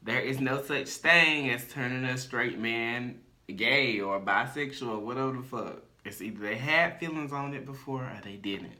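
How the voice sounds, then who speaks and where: A man's voice: medium pitch, normal speed, sharp tone. A man co-hosting a podcast in casual chat, blunt and playful. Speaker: podcast co-host.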